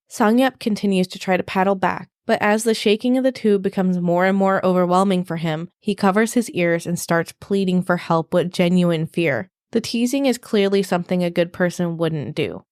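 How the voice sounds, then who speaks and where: A woman podcast host telling a true crime story in a measured, explanatory scripted narration. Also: on the low side, a little mellow, clear, resonant tone, no room sound, studio quality.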